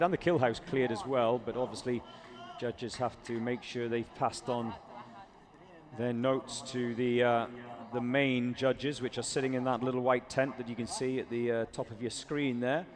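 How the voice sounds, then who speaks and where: A man commentating live at an outdoor competition, chatty and self-correcting, and talking straight to the viewers watching online. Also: mid-range voice. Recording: crowd noise behind.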